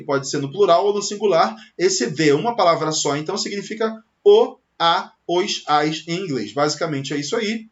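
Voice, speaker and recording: A Brazilian man teaching a beginner English lesson, talking conversationally and often checking in with "ok?". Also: high voice. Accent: Brazilian Portuguese. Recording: slightly dull lo-fi sound.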